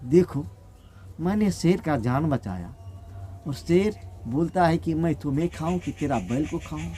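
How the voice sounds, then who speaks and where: A man's voice: a little high, lively intonation, measured pace, dark tone, husky. Guy doing a scared merchant begging for help in a village folk tale. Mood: despairing. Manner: pleading, despairing. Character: frightened wailing village grain merchant man.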